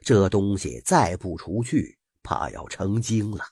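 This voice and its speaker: A man voicing a stern middle-aged male snake-taming master in a folk story, gruff and commanding, in a husky voice. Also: low voice, lively intonation, a little slow, darkish tone, no room sound, clean studio sound, voice pushed down, exaggerated voice.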